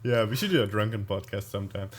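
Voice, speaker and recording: Man from Belgium, lowish voice, casual podcast chat, relaxed, hesitant fillers. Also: fast talker. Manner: easygoing, laughs often, hesitant with fillers. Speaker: podcast co-host.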